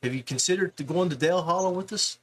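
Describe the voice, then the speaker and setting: A West Virginia man hosts a podcast interviewing anglers, casual, folksy and chummy, often saying "man" and "brother." His voice sits high and moves fast, with a little hiss or hum.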